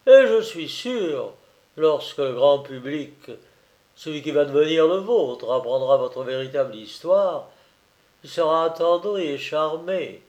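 A man reading a novel aloud, voicing an eager young male illustrator with lively, emphatic delivery. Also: on the high side, unhurried. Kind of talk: audiobook character reading.

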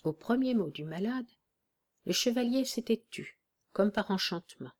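A woman narrating a classic novel as an audiobook in a measured, even reading. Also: a little high.

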